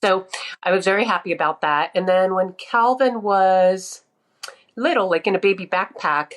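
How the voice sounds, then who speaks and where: A woman in her fifties, appearing as a podcast guest, tells her story candidly and easily in a casual interview chat. Her voice is mid-range and her speed is normal.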